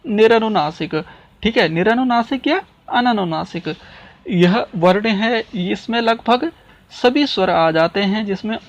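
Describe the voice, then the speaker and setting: A man's voice: high voice, unhurried. A man teaching a grammar lesson, who poses questions to his students and answers them himself, repeats key terms, and checks in with "okay" after each point. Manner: checks in with "ठीक है" often. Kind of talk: classroom-style explanation lesson.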